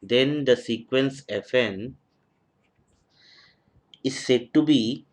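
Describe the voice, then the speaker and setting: Slow, dictating male maths lecturer. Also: mid-range voice. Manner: mixes Hindi and English, dictates slowly, repeating each phrase. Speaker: mathematics lecturer. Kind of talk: recorded online lecture, dictating notes.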